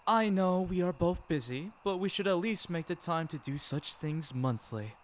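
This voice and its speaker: This amateur performer's voice is on the high side and animated, at an ordinary pace. He plays a sweet, teasing boyfriend in an ASMR romance, speaking lovingly to his partner over clearly audible ambient noise.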